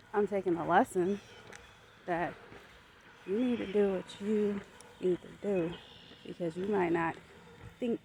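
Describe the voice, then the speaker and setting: A woman vlogger talking in an unhurried, reflective and gently motivational way while walking up a hill outdoors, recorded on a phone. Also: fairly low pitch, slight background noise. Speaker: lifestyle vlogger. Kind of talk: casual reflective vlog monologue.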